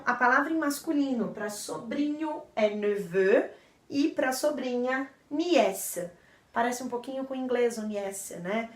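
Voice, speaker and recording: A woman explaining vocabulary to viewers as a teacher, patient and repeating terms with frequent checks for understanding. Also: a little high. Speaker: French teacher. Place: indoor room in front of a board. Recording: roomy echo, a bit far from the mic.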